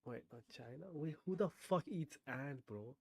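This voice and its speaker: Dude streaming a guessing game, cusses a lot, mellow low-key voice, dry mic. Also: male voice, animated, unhurried, vocal fry, dry recording. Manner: thinks aloud, swears often, bursts of disbelief. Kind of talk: casual game commentary.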